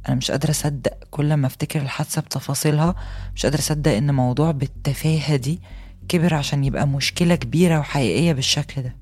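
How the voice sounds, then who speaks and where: An actress plays a young Egyptian woman in her twenties telling her own hard story, her Egyptian Arabic quick and earnest. The words tumble out at a fast clip in an intimate, scripted podcast narration. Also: low-pitched, darkish tone, husky, faint music behind. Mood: sorrowful. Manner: earnest and intimate storytelling, rising to agitation in retold fights. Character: young woman recounting a harsh mother, earnest, hurt. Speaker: voice actor reading a personal testimony.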